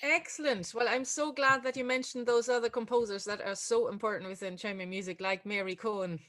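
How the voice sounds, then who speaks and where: A woman's voice: fairly high pitch, steady tone, brisk, fairly bright tone. Chatty woman hosting a video call. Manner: chatty, many fillers and restarts. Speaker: webinar host and music tutor. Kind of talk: casual online webinar talk.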